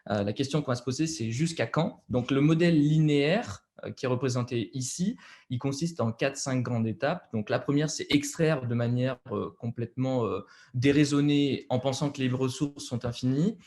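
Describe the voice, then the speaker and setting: A man's voice: mid-range voice, normal speed, darkish tone. A young man with a French accent presenting slides over a video call, hesitant, with many fillers and restarts.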